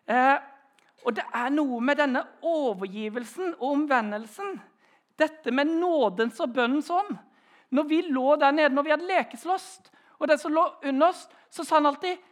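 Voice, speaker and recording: Storytelling preacher man, loud and hushed. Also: extremely high pitch. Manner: storytelling, swings between loud cries and soft near-whispered phrases. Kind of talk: sermon.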